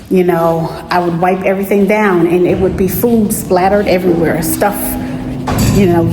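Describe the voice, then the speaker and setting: This vlogger, a woman in her thirties raised in Miami after being born in the Bahamas, speaks in a voice on the low side. She recounts a story candidly in a relaxed, conversational way, often adding "you know." The recording is rough.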